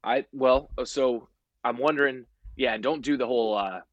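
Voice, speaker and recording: A man's voice: medium pitch, moderate pace, no echo, lo-fi sound. A man of forty, a sports broadcaster guesting on a podcast, talking in a rambling, tangential way and laughing often. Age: 40s. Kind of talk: casual chat.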